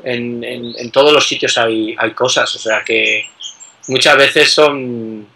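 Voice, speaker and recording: A man chatting casually as a guest about travel, relaxed, with many fillers and tag questions. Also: medium pitch, takes it slowly, rough recording. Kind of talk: casual conversation.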